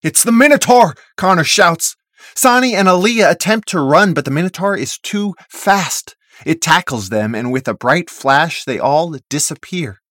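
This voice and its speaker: Lively, expressive storybook narrator. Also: medium pitch, a little slow, dry recording, studio quality. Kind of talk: second-person interactive story narration.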